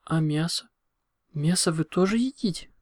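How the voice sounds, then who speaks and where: A man's voice: fairly high pitch, normal speed, a little mellow, no room sound, clean studio sound, natural voice. A man voicing a kind, eager young female unicorn in an audiobook. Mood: curious. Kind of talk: audiobook reading.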